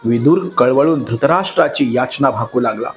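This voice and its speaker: A man narrating an epic story in an expressive, dramatic storytelling style. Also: mid-range voice. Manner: expressive, unhurried. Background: soft background music.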